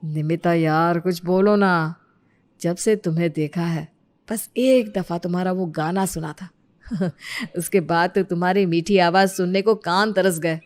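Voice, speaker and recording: A woman's voice: on the low side, steady tone, measured pace, darkish tone, voice pushed down, lightly acted. A woman voicing an impatient young husband who turns agitated and pleading. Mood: coaxing. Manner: coaxing to agitated.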